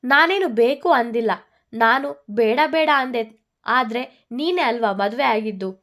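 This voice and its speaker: Woman doing a sharp-tongued young wife, scolding, slow and a bit high. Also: lively intonation. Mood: angry.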